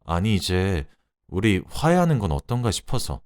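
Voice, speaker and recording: A man's voice: sits low, very animated, normal speed, clean tone, no echo, clean studio sound. A man voicing a sheepish husband who mumbles and dodges in a radio-drama story reading. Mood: coaxing. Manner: mumbling, evasive. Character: sheepish husband, coaxing then weary.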